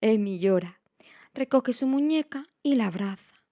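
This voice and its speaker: Woman storyteller, slow, playful, very lively pitch. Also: highs cut off. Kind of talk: reading a children's picture book aloud.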